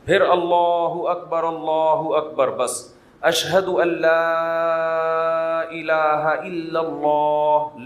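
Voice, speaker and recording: Guy preaching casually, kinda high voice, jokes and mimics chanting, roomy echo. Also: a bit bright, slight background noise. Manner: conversational, humorous, mimics chanting. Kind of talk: sermon.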